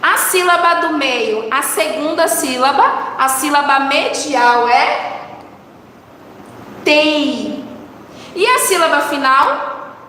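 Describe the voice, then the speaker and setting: High bright-voiced Brazilian woman teaching children. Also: animated, slow pace. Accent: Brazilian Portuguese. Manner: warm coaxing teacher talk, asks questions and answers them. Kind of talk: recorded lesson for children. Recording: echoey room with long reverb, faint noise.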